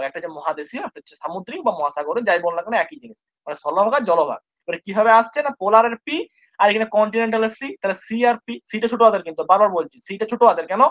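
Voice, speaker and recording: In a dull lo-fi recording, a tutor whose voice sits high and sounds fairly bright leads a geography exam-prep session. His tone with the students is relaxed and familiar, and he repeats himself often while making sure they follow along.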